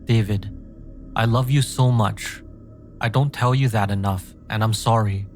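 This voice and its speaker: Man acting a protective dad, horror story, earnest, emotional, low voice, music behind. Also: steady tone, a little slow, darkish tone. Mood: tender, concerned. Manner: earnest, emotional, speaking to his small son. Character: loving, protective young father in horror story. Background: background music.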